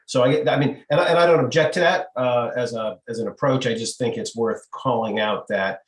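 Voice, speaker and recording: A man on a town board asking polite, measured questions at a public meeting. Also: medium pitch, echoey room, low-quality recording.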